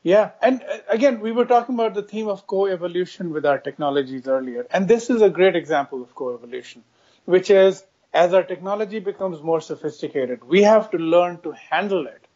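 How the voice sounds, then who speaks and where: Higher-pitched man explaining, dull lo-fi sound. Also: lively intonation, brisk, darkish tone. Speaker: interview guest. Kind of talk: reflective explanatory interview talk. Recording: dull lo-fi connection.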